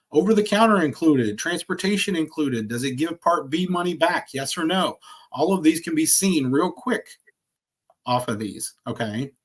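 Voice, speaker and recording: A man demonstrating insurance quoting software on a screen share, talking in an energetic, salesy way with quick asides. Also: fairly high pitch. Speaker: insurance agent trainer.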